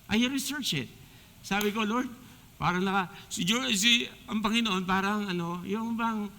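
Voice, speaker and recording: A man with a Filipino accent preaching a sermon as a deacon, joking and animated, slipping English phrases into his talk. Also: high voice, moderate pace, slight background noise. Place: church hall. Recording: long church hall reverb.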